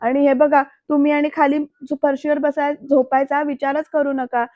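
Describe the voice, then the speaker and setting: A woman's voice: high-pitched, level tone, moderate pace, no room sound, close to an everyday voice. A woman voicing a caring middle-aged housemaid who fusses and coaxes, on a dull, dry recording. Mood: coaxing. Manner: coaxing, scolding gently.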